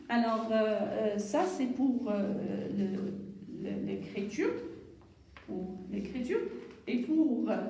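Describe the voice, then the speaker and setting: A woman teaching a lesson to young children, speaking slowly and breaking words into syllables, with many "d'accord". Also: high-pitched, warm tone. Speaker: primary school teacher. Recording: echoey room, voice from far off.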